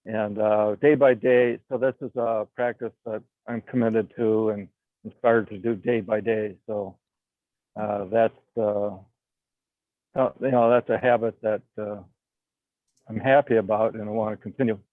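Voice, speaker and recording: Male participant from Wisconsin, halting and filler-heavy, dry tinny phone-like sound. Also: fairly low pitch, level tone, no echo. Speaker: call participant. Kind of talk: casual sharing on a video call.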